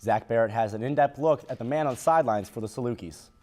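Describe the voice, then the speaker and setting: Brisk-talking male sports anchor. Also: mid-range voice, a little mellow. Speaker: news anchor. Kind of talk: scripted news presenting.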